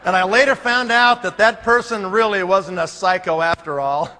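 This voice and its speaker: High bright storytelling man. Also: normal speed. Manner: animated, laughing, acts out scenes. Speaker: speaker. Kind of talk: comic storytelling presentation. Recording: long hall reverb, faint room noise.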